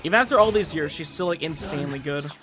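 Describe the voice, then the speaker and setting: This fast-talking livestreamer has a fairly high, animated voice. He's playing a gacha game and keeps up a loose, slangy running commentary littered with fillers.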